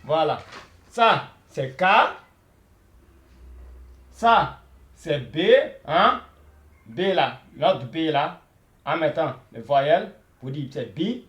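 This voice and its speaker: Slow, patient man teaching in an echoey room. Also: on the high side, expressive, a bit bright, lo-fi sound. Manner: patient, repeats words many times, checks in with "hein?" and "voilà". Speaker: Arabic teacher. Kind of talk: beginner language lesson.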